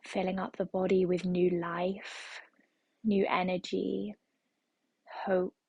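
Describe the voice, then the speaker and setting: Slow, husky-voiced woman guiding meditation. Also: lowish voice, flat delivery, a little mellow, dry recording. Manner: slow, soothing, repetitive phrasing. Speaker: yoga teacher. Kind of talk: guided meditation.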